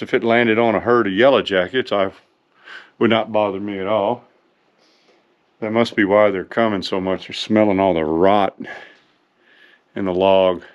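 An older man with a Southern US accent, a sawmill owner narrating his work video in a wry, grumbling, folksy way. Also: fairly low pitch.

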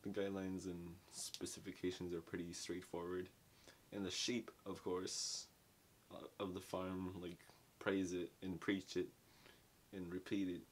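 In a small, dim bedroom, a young man gives a casual spoken book review, rambling in slang with plenty of filler words. His voice is low and flat, his pace measured, with slight background noise.

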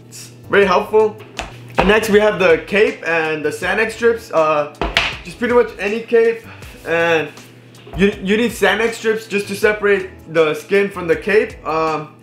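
A young barber in his twenties casually shows off his tools to a fixed camera in a living room with a TV and couch. His high-pitched voice is relaxed and full of fillers and frequent restarts, and the room sound is reverberant.

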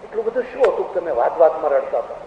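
A man's voice: fairly high pitch, sing-song, racing. A male religious teacher giving a spiritual discourse, telling anecdotes with rhetorical questions and now and then mimicking other people's voices. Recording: echoey hall, tinny phone-like sound, faint hiss.

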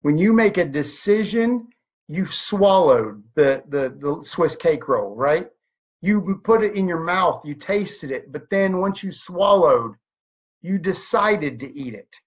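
In his home office, a thirty-nine-year-old network marketing leader speaks emphatically to his webcam, throwing out rhetorical questions and gesturing animatedly. The voice is fairly high, slightly rough, and slow, and the desk webcam gives it a dull, lo-fi sound.

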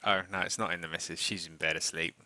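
A man's voice: deep voice, steady tone, quick pace, sharp tone. A man bantering over a golf game, joking and teasing and laughing often. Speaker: gaming commentator. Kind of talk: casual gaming banter.

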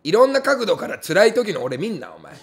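Gravelly, lively man snapping back at comments. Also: a little fast, slight background noise. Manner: snaps back at each comment with angry comic retorts; bursts into loud high laughs. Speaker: comedian streamer. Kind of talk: livestream chat reading with comic rants.

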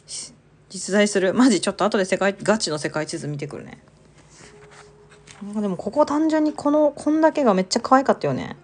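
Husky and darkish, this young woman's mid-range voice is expressive and a little fast. She runs a casual live stream, chatting with viewers, reading their comments out loud, and frequently laughing and exclaiming.

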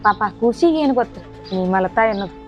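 A woman's voice: mid-range voice, lively intonation, fast, lo-fi sound, soft background music, lightly acted. An actress playing a village woman who gives advice and scolds, speaking with a North Karnataka accent. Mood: chiding. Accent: North Karnataka Kannada. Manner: advising, scolding.

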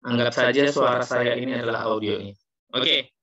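His voice is mid-range, steady and sharp, at a moderate pace, as he patiently explains during an online English class and works English phrases into his speech. The sound is muffled and carries heavy echo.

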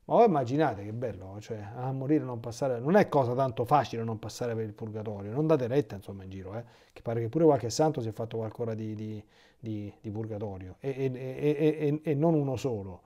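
An Italian man, a priest, giving a catechesis talk. He reads from a text and keeps breaking off into lively spontaneous asides. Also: medium pitch, fairly quick.

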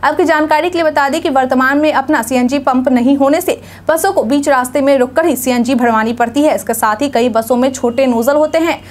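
A young woman reads the evening headlines from a studio news desk. Her voice sits high, and her delivery stays formal and even, in the measured manner of a newsreader. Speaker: news anchor. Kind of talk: read news bulletin. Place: studio news set, indoors.

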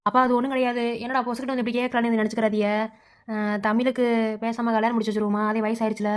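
A woman's voice: a little high, level tone, very fast, natural voice. A woman playing a chatty, fond village mother in a cartoon, speaking with a Madurai Tamil accent. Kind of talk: cartoon voice acting.

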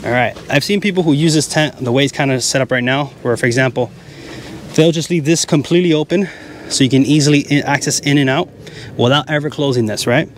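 A man's voice: medium pitch, fast talker, slight background noise. A man in his thirties casually walking through a big camping tent, chatty and explaining as he points things out, speaking into a handheld mic. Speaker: camping vlogger giving a tent tour. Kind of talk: casual walkthrough. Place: inside a large tent at a wooded campground. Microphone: handheld mic in hand.

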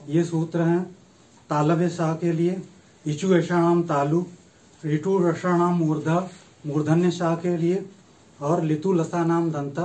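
A man giving a recorded university lecture on grammar, reciting letters and rules one by one in a slow, methodical way. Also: fairly high pitch, darkish tone, poor audio. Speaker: Sanskrit lecturer.

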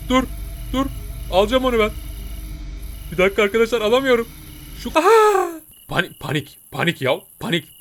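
Guy doing a hyper cartoon cat gamer, high bright voice, joking to viewers the whole time. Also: full character voice. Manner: excitable, jokey, talks to viewers. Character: chatty male cartoon cat gamer, jumpy. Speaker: gameplay commentator. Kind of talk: let's-play commentary.

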